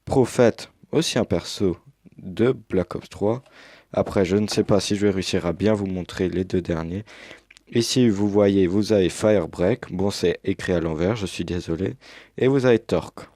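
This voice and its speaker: Young man, unboxing commentary, hesitant, fillers, low-pitched, headset mic. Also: normal speed, warm tone, no echo, clean studio sound. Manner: hesitant, many fillers and restarts. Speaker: unboxing youtuber.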